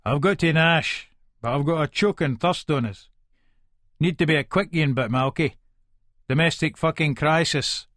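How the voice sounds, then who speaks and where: This actor's voice sits on the high side, moves at a moderate pace, and has a fairly bright tone close to everyday speech, captured in clean, echo-free studio sound. He plays a foul-mouthed, quick-tempered Scottish hard man, giving dramatic first-person audiobook narration in a rough, colloquial Edinburgh accent. His mood is scornful and irritable.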